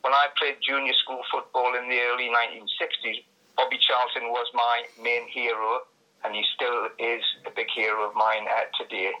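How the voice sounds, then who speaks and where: A man's voice: medium pitch, flat delivery, normal speed. An older man from Northumberland with a Northumberland accent, answering interview questions as a radio guest over the telephone. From Northumberland, England. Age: 60s or older. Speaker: radio phone-in guest, songwriter. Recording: tinny, band-limited phone line.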